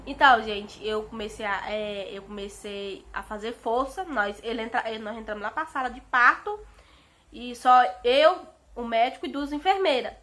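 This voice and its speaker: A woman's voice: on the high side, normal speed. A young Brazilian woman with a Brazilian Portuguese accent, telling a personal story in a chatty vlog and often addressing her viewers. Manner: chatty, keeps saying "gente" to viewers; animated retelling with emotional outbursts. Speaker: vlogger.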